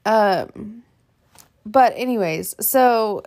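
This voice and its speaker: A woman's voice: medium pitch, very slow, a little mellow. Chatty woman laughing often. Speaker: podcast co-host. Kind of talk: casual chat.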